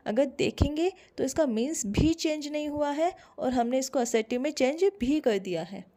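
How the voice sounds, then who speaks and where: A young woman with an Indian accent teaching English grammar online, explaining slowly and repeating each example sentence. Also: high-pitched, expressive, dark tone.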